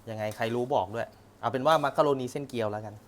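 A man's voice: medium pitch, racing. A man chatting casually to viewers while he cooks at home, joking about himself and talking through each step. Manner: chatty, self-deprecating, talks to viewers while cooking. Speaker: vlog host cooking at home. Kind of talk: casual cooking vlog chat. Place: home kitchen.

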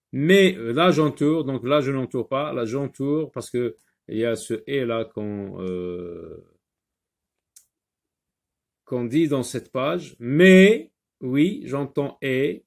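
A man's voice: mid-range voice, gravelly, a little mellow. A man teaching a recorded French reading lesson, patiently repeating each word aloud for pupils.

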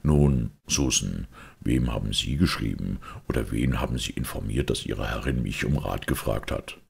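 A man voicing a calm, cutting male detective who speaks slowly and in a low, menacing tone. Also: creaky, husky, full character voice. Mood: coolly menacing.

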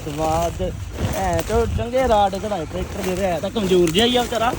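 A man's voice: sits high, a little fast. A young man with a Punjabi accent chatting casually and expressively, teasing and repeating his phrases as he vlogs outdoors. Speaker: vlogger. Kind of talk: casual chat while vlogging farm work. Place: outdoors on a farm. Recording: noisy outdoor recording with engine hum.

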